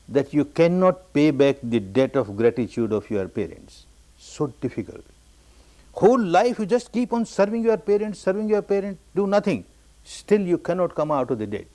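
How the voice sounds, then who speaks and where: A man from Burma giving a meditation discourse, telling his own story with repeated, emphatic phrases that jump up high on the key words. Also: warm tone. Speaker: meditation teacher.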